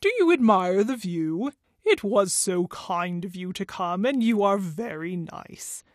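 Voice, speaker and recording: A woman voicing a pompous, smooth-talking walrus in a storybook verse, with drawn-out, grandly theatrical speech. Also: medium pitch, animated, dry recording, clean studio sound, pitched below the performer's own voice, lightly acted. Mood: smooth, evasive.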